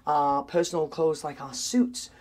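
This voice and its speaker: A man's voice: on the high side, little pitch movement, measured pace, a little mellow. An upbeat, enthusiastic man in his thirties chatting casually to camera as a cruise director and vlog host. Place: aboard a cruise ship, in cabins, corridors and busy public decks.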